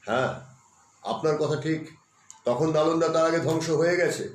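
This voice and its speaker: A man's voice: a little high, normal speed. A man presenting a history talk on a live stream, who keeps asking his viewers rhetorical questions and stresses key words. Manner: emphatic, spells out terms letter by letter. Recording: echoey room.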